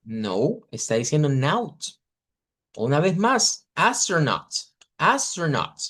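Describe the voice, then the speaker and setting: A man teaching an English pronunciation class over a video call, patiently repeating model words slowly for his students. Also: a little high, very animated, fairly bright tone, husky. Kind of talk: online class correcting students.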